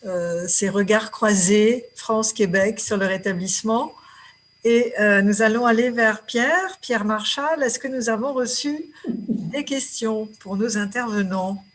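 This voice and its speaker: A woman's voice: a little high, unhurried. A woman hosting a webinar, thanking the speakers in a friendly way and passing to the next part. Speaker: host.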